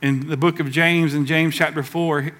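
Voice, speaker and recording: A man's voice: fairly high pitch, little pitch movement, normal speed, a bit bright. A male pastor preaching a sermon, emphatic and conversational, drawing call-and-response from the congregation. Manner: conversational with casual asides.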